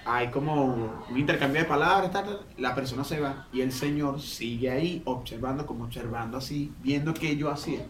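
A man's voice: medium pitch, brisk, few pauses. A man from Venezuela with a Venezuelan accent, telling a long story in a casual, slangy way and often restarting his sentences. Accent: Venezuelan Spanish. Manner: rambling, restarts mid-phrase, slangy. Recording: roomy distant mic, faint ambience.

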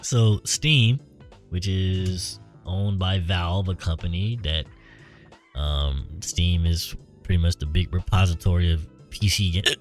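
A man hosting a casual gaming chat, slangy and animated, with the hiccups. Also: sits low, slow, soft background music. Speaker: podcast host.

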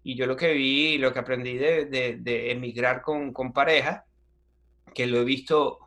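A man's voice: medium pitch, fairly even intonation, unhurried, a bit bright. A man from Venezuela with a Venezuelan accent, a comedian chatting in an interview, telling stories animatedly with slang and frequent restarts. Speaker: comedian guest. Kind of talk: casual interview chat.

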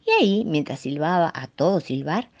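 A woman reading a children's folk tale aloud with an expressive delivery. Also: sits low, moderate pace, muffled recording. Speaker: storyteller. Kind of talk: scripted storytelling for children.

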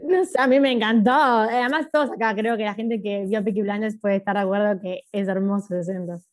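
A woman's voice: mid-range voice, fairly even intonation, fairly quick. A young woman, chatting as an interview guest in a loose, musing way full of filler phrases. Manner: musing, loose, full of "o sea" and "como que". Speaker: guest, video creator. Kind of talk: casual interview chat.

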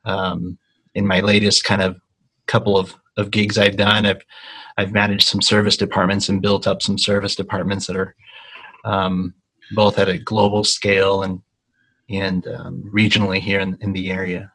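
Guest: low-pitched man, husky voice, hesitant and restarting, casual interview talk. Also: completely flat delivery, a bit bright, rough recording. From Argentina. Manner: halting, many ums and restarts. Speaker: guest, consulting company founder.

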